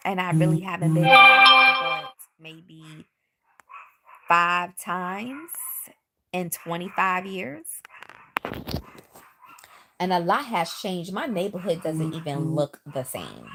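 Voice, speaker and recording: A middle-aged woman originally from the Bronx, now living in the South, speaks in a fairly low voice, taking it slowly with long pauses as background noise runs behind her. On a phone-recorded livestream, she chats with viewers in a lively way and reads their comments aloud. Her New York accent has picked up a Southern twang.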